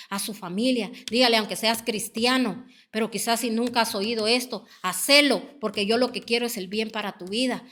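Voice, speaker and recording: Bright-voiced woman preaching. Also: on the high side. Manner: earnest, pleading, repeatedly saying "my brothers". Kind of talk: sermon.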